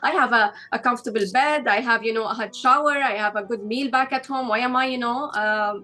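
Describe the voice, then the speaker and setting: A woman's voice: fairly high pitch, brisk, sharp tone. A woman hosting an interview, asking probing, encouraging questions. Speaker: host, founder of the travel company.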